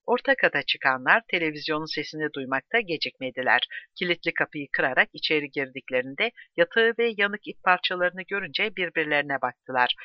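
A man's voice: fairly high pitch, no room sound. Man telling a true crime story. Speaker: narrator. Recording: dull dry close recording.

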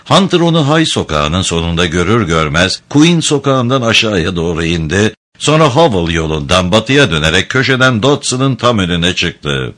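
A man narrating a dark adventure storybook in a measured, grave way. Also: sits low, very animated. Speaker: audiobook narrator.

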